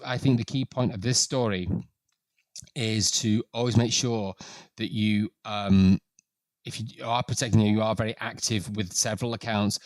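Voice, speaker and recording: A man's voice: steady tone, moderate pace, no echo. A middle-aged man hosting a live trading stream, commenting casually and reading viewer stories aloud. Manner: reads dramatic passages with rising pitch and force, then comments plainly.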